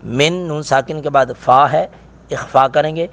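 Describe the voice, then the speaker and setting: In a muffled recording, a middle-aged male teacher with a fairly high voice leads a recitation lesson. He explains each pronunciation rule plainly and steadily, then chants the verse slowly, drawing out the sounds.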